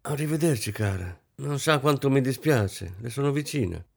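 A man's voice: mid-range voice, expressive, normal speed, a little mellow, lightly acted. A man reading aloud voices a society lady guest, a woman who speaks in a sweet, syrupy way that hides spite. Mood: falsely sweet. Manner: mellifluous, falsely sweet.

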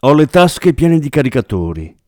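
A man's voice: fairly high pitch, big pitch swings, normal speed, darkish tone, dry recording, clean studio sound, pitched above the performer's own voice. A man doing a blunt, combative tough guy. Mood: threatening. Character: hard-bitten Milanese partner, tough middle-aged man.

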